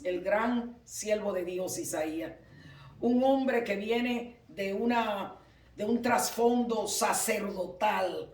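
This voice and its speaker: A man preaching a sermon in a church, fervent and emphatic, rising at times to shouts. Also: sits high. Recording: roomy, from far off the mic.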